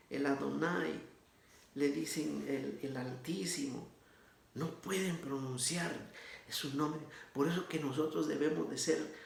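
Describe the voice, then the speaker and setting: A man's voice: mid-range voice, vocal fry, reverberant. A man giving an informal sermon on scripture readings, speaking earnestly and directly to the listener as a brother, with frequent restarts. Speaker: preacher.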